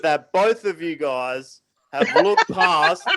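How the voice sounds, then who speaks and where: A man's voice: fairly high pitch, expressive, takes it slowly, sharp tone. A man hosting a podcast, introducing segments in an upbeat, announcer-like way. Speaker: podcast host.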